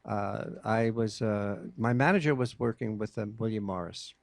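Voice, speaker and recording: A man's voice: fairly low pitch, normal speed, vocal fry, no room sound. An older man from New York City, a music producer talking casually as a radio guest, rambling with many fillers. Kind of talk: casual interview talk. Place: radio studio.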